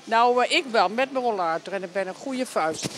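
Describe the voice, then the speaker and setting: A woman's voice: mid-range voice, expressive, fairly quick. A woman of eighty-six, feisty and matter-of-fact, answering a street interview. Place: shopping arcade by a shop window. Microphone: handheld reporter microphone. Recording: light shopping arcade noise.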